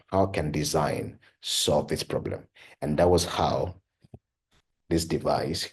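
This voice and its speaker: Giving a personal talk for an online course, a young man born in Cameroon, who founded a medical device company and is doing PhD research, speaks earnestly and casually with plenty of "uh" and "you know." His voice is very deep and husky, staying low with a rough, breathy edge and a darkish tone.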